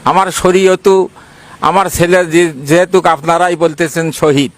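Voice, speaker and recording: Older male interviewee, Bangladeshi accent, somewhat raised pitch, unscripted answers. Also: fairly even intonation, moderate pace. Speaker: bereaved father being interviewed.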